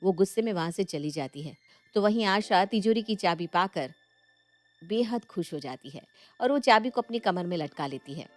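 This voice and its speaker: A woman's voice: lowish voice, normal speed, soft background music. Woman telling a bedtime story. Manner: steady storytelling. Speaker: narrator. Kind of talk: scripted storybook narration.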